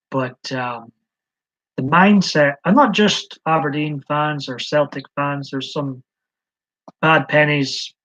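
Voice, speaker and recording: A Scottish man hosts a live stream, his voice fairly high and a little bright. He rambles and hesitates, dropping plenty of ums. The stream audio is lo-fi and slightly dull.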